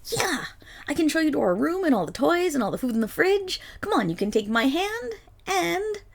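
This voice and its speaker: Woman playing a puppy-eared girl, high, sing-song, gravelly edges, giggly, loud, ASMR role-play. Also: sing-song, moderate pace, heavily acted. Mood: eager. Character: bubbly affectionate dog-eared young woman.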